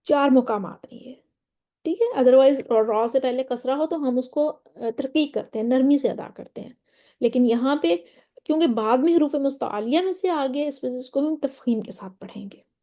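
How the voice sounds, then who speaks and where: A woman's voice: high voice, dark tone. A woman teaching a Quran recitation lesson, explaining step by step and often checking that her listeners follow. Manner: draws out Quranic example words slowly.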